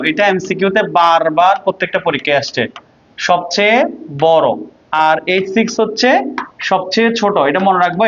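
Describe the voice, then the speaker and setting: Brief: Bangladeshi male tutor, higher pitch, steady drilling "ঠিক আছে?", somewhat dull lo-fi sound. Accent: Bangladeshi Bengali. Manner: asks questions and answers them himself, repeats "ঠিক আছে?". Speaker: ICT teacher. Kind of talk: online lecture to students.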